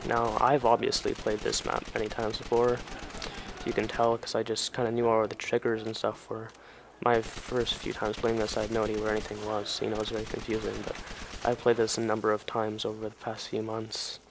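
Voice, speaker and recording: A man's voice: medium pitch, gravelly. A teenage boy giving casual, rambling gameplay commentary at home at night, swearing freely as he chats into his mic. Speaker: gamer. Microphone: desk or headset mic. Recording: game gunfire noise loud underneath. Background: video game gunfire and ambience.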